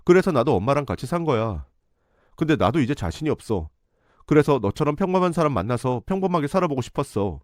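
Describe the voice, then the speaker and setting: A man's voice: medium pitch, very animated, fast, a little mellow, dry recording, clean studio sound, pitched above the performer's own voice, close to an everyday voice. A man voicing a young boyfriend who pleads and begs. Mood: pleading. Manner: pleading, begging.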